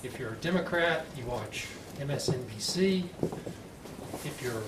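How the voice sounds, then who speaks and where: A man's voice: medium pitch, lively intonation. American man moderating, echoey room. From United States. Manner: slow, clearly enunciated, deliberate delivery. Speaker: panel moderator. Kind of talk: introducing a public panel discussion. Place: conference panel room, indoors. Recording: echoey, noisy room, distant mic.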